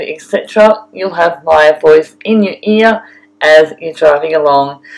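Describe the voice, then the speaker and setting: An Australian woman narrates a scripted audio guide, speaking straight to the listener. Her voice sits a little low and has noticeable fry at the edges. She takes her time, placing each phrase slowly and deliberately. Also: low-quality recording. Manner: deliberate, addressing the listener directly. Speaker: photographer and travel guide narrator.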